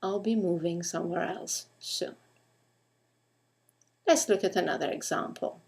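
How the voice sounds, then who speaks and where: A woman teaching English grammar in a recorded lesson, speaking clearly and deliberately and putting questions to the listener. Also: lowish voice, darkish tone.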